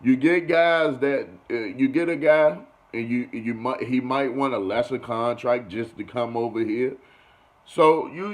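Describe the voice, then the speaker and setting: A young man running a casual sports commentary vlog, talking loosely and repeating himself with "you feel me" and "you know". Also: mid-range voice. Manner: loose and conversational, repeats phrases, keeps saying "you feel me". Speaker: sports vlogger.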